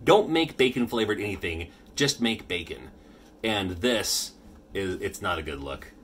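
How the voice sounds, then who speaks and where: A man's voice: deep voice, lively intonation, a little slow, a little hiss or hum. A man in his thirties, a father, hosting a casual unboxing vlog, chatty and rambling with frequent restarts. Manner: chatty, rambling, self-correcting. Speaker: YouTube host. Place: home room with his kids.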